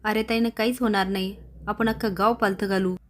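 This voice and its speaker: A woman voicing a calm, loyal male assistant who soothes his boss respectfully. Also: medium pitch, fast, lightly acted. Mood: soothing.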